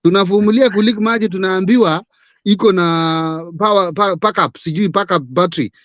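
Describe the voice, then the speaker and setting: A man's voice: high voice, a little fast, fairly bright tone, dry recording, dull audio. A Kenyan man talking politics as a guest, emphatic and full of rhetorical questions, switching between English and Swahili. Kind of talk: live-stream political chat.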